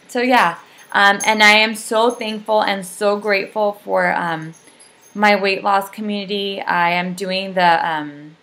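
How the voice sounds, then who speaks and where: A woman's voice: fairly low pitch, vocal fry, bright, forceful tone. A young adult woman giving a casual, rambling video update, full of ums and likes. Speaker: vlogger.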